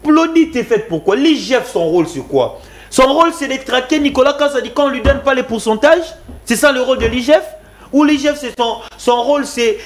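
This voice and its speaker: A man from Congo speaks with a high, ringing voice. He argues hotly and repeats himself for emphasis. He slips between French and Lingala as he goes. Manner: fiery, repetitive, mixes French and Lingala. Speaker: guest commentator. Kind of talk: impassioned political talk.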